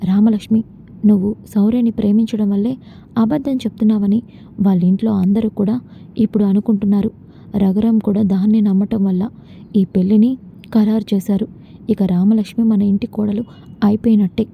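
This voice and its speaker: A woman's voice: mid-range voice, fairly even intonation, brisk, vocal fry, lightly acted. A woman voicing a scheming middle-aged mother giving stern warnings. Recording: dull lo-fi with faint noise.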